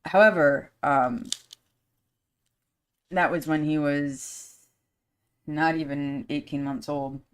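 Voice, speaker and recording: A woman with a low, deep-set voice talks casually on her podcast live stream. She is candid and blunt, swears freely, and rambles with many fillers between her thoughts. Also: steady tone, takes it slowly, long pauses, a little hiss or hum. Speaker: podcast host.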